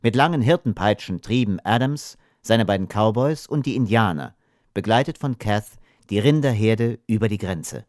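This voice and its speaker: A man reading an audiobook novel aloud in calm, even scripted narration. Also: fairly low pitch, moderate pace, no echo, studio quality.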